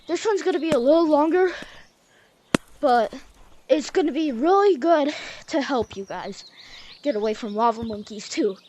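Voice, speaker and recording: High-pitched young girl explaining game moves, kinda breathless, says y'all a lot, little hiss behind. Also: expressive, moderate pace, long pauses. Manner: chatty, loose, says y'all and like. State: a bit out of breath. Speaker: gaming tutorial host. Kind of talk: casual game tutorial.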